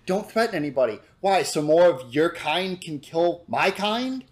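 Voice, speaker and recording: A man's voice: mid-range voice, slow pace, natural voice. A man voicing a stern, weary talking monkey in a tabletop game.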